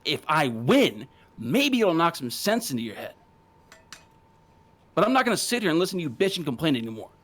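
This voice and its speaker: A man's voice: a little high, very animated, fairly quick, pauses often, a bit bright. A man cutting a confrontational wrestling promo, taunting and swearing. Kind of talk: in-ring promo argument.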